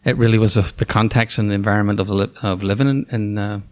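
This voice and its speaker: A man's voice: on the low side, fairly even intonation, fast talker, a little mellow. A man in his fifties with a Northern Irish accent, a school superintendent answering questions in a casual interview, talking with many fillers and restarts. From Northern Ireland.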